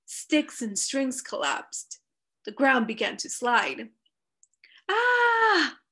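A woman reads a children's picture book aloud in a measured, expressive way. Her voice sits a bit high, and she takes her time over each phrase. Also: creaky, breathy edge.

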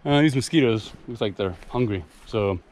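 Out on foot in a rocky, wooded canyon, a hiking vlogger chats to himself in short exclamations while filming. His voice is mid-range and a little mellow, with lively intonation at a moderate pace. You can clearly hear the camera handling and surrounding nature.

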